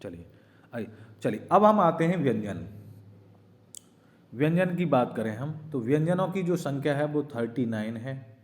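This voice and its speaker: Speaking a little slowly with frequent pauses, a man with a mid-range voice and lively intonation runs an exam-prep lesson. He demonstrates vowels aloud, explains patiently, keeps asking "right?", and refers to his students as children.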